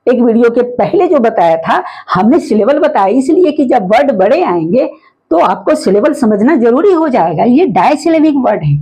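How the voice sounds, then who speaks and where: Female phonics teacher, patient and repetitive, slightly raised pitch, husky, mellow tone. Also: sing-song, rough recording. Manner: patient, repetitive explaining with frequent "है ना" checks; sounds out words slowly letter by letter. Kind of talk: phonics lesson explaining syllables.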